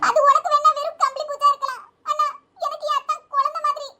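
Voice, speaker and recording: A woman's voice: very high voice, flat delivery, fast talker. A woman voicing a sly, fawning young daughter-in-law in a cartoon, pleading tearfully. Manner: wheedling, tearful excuses. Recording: loud background noise.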